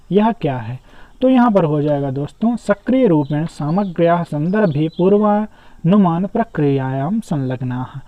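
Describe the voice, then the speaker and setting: High-voiced man teaching an exam lesson. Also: warm tone, dry recording. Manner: addresses viewers as friends, reads questions then explains. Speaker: teacher solving an exam paper. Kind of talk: exam-prep lesson, reading Sanskrit and explaining in Hindi. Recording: dull, dry, lo-fi recording.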